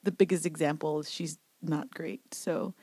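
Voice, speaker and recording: A woman's voice: low voice, steady tone, measured pace, dark tone, slightly rough, no echo. A woman in her late thirties, a teacher, chatting casually on a podcast and laughing easily. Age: late 30s.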